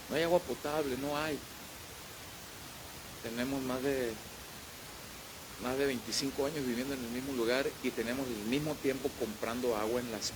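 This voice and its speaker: A man with a Mexican accent, a pastor preaching a sermon in church, animated and storytelling, swinging between loud and quiet. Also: medium pitch, noisy background. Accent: Mexican Spanish.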